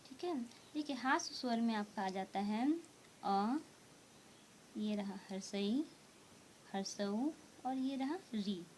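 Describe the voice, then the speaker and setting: Woman, teacher, grammar lesson, very slow, repetitive explaining, faint rumble behind. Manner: slow, repetitive explaining with frequent "theek hai" check-ins. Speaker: Hindi teacher.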